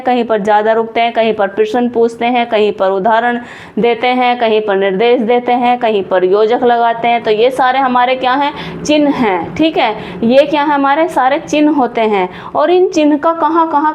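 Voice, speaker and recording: A woman's voice: on the high side, dull audio. A young adult woman teaching a grammar lesson, explaining step by step, often rephrasing and answering her own questions. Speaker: Hindi teacher. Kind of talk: classroom-style grammar lesson.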